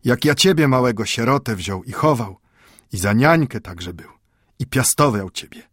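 Man doing an old bookbinder grandfather, Yiddish-inflected, raised and insistent, husky voice, storybook reading. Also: fairly high pitch, sing-song, dry recording, clean studio sound, voice pushed up, heavily acted. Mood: scolding. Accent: Yiddish-inflected Polish. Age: over 60. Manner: emphatic, repetitive scolding with drawn-out exclamations. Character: old male bookbinder grandfather, stern yet tender.

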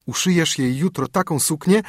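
Brief: man playing a giddy little girl, high and loud, trembling, husky. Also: normal speed, dry recording, studio quality, lightly acted. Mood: ecstatic. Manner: breathless, trembling excitement.

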